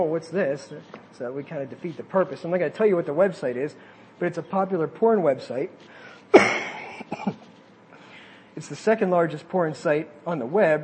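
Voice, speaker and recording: A man's voice: on the high side, darkish tone, a little hiss or hum. A man preaching a sermon, reading quotes aloud and breaking off to add casual asides.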